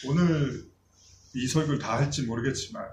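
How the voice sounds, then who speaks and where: A man's voice: medium pitch, normal speed, a little mellow, reverberant, slight background noise. A man preaching a sermon as a pastor, talking to his congregation in a conversational way and acting out the voices of people he quotes.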